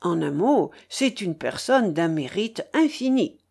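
A woman's voice: lowish voice, very animated, a little slow, gravelly, a little mellow, husky, heavily acted. A woman reading a gallant young nobleman. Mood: enchanted. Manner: earnest, courtly speech.

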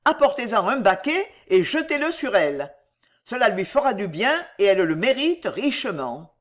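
A reader voicing a choleric old man who shouts in fits of rage, in an audiobook. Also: medium pitch, sing-song, normal speed, close to an everyday voice. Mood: furious. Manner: loud and barking. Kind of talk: audiobook character voice.

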